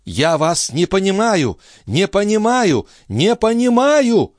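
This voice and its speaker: In this audiobook, an indignant young noblewoman, voiced by a man, flings out high, strained protests with a lively rise and fall. The voice sits well above a man's usual register. The reading is dry and close. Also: normal speed, dry recording, close to an everyday voice. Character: proud young woman, indignant and defiant.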